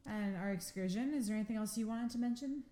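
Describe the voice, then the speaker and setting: A woman with a dark, relaxed tone chats casually as a podcast co-host. She teases drily, and her voice rings with noticeable room echo. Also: medium pitch, fast. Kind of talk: casual chat.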